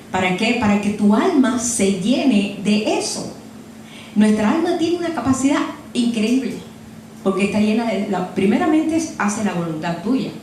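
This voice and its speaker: A woman's voice: mid-range voice, a little mellow, a little hiss or hum. An older woman preaching a sermon in a chatty, storytelling way, often tossing in "eh?" to her listeners. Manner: chatty storytelling, frequent "¿eh?" asides. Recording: echoey room picked up from a distance.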